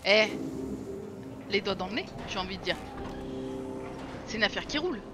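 A young woman chatting through a co-op video game session, excitable and self-mocking, often laughing and shouting at the game. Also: medium pitch, normal speed, over loud music. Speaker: streamer playing a co-op video game. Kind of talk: casual let's-play chatter.

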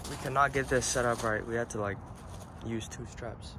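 A young man chatting casually for a vlog in slangy, excitable talk while out riding dirt bikes. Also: mid-range voice, moderate pace. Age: young adult. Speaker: vlogger and dirt bike rider. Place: outdoors, in vehicles and open desert. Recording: noisy outdoor recording, motorcycle engines. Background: dirt bike engine noise.

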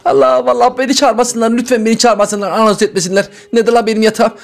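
A man playing a comic grumbling character over Roblox gameplay, excitable and often shouting. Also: very high-pitched, rapid-fire, gravelly. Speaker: gaming YouTuber.

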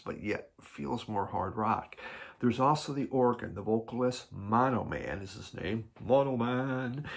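Rambling along with plenty of fillers, this record collector vlog host reviews albums with clear enthusiasm for records in a casual chat. His voice is a man's, fairly low in pitch, slightly rough, with vocal fry.

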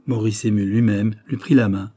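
Husky man narrating an audiobook. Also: fairly low pitch, fairly even intonation, mellow, dry recording, studio quality. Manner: measured, dramatic storytelling.

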